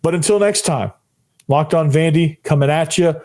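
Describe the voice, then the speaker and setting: A man hosting a sports podcast with a hoarse, worn-out voice, giving informal football analysis and repeating phrases for emphasis. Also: fairly high pitch, moderate pace, a little mellow. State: hoarse, voice nearly gone. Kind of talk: solo football analysis commentary.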